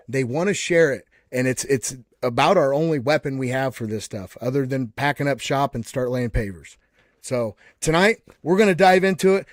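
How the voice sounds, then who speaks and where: A man's voice: on the high side, no echo, clean studio sound. A man hosting a live online panel in a casual, folksy way, calling everyone buddy and often restarting his words. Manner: frequent restarts and repeated words. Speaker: host of a live panel show.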